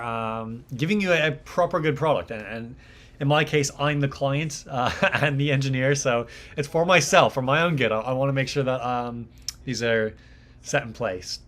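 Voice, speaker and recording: In casual livestream talk, a young mixing engineer hosting a live mixing stream rambles on with many fillers and repeated words. His voice is medium in pitch and fairly bright in tone.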